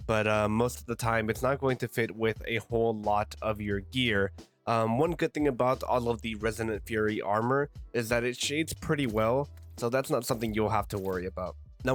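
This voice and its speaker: A man with a congested, stuffy voice from a cold, giving a relaxed, rambling review of video game armor as a voice-over. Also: medium pitch. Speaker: gaming video creator. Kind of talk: casual gear review voice-over.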